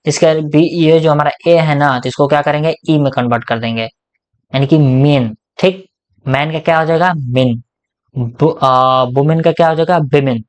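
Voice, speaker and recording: A man with a Hindi accent talks through an English grammar lesson, his voice sitting a little higher than usual. He keeps asking the class questions and answering them himself, with frequent checks that they follow. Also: steady tone, moderate pace. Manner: asks questions and answers them himself, repeats "ठीक ना?" often. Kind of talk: casual explanatory lesson.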